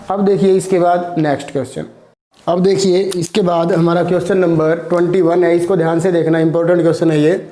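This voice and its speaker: Explaining through one rhetorical question after another, a man who teaches maths solves problems step by step, asking and then answering his own questions. His voice sits high and warm, and the sound is roomy.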